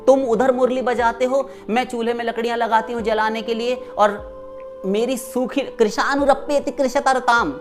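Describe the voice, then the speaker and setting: A woman's voice: on the high side, fairly even intonation, normal speed, soft background music, voice pushed up, close to an everyday voice. A woman preacher voicing a young village wife who pleads and complains to her beloved. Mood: complaining.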